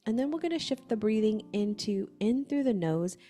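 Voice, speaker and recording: A woman facilitator giving gentle, conversational instructions for a breathwork session, often saying "like". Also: mid-range voice, animated, normal speed.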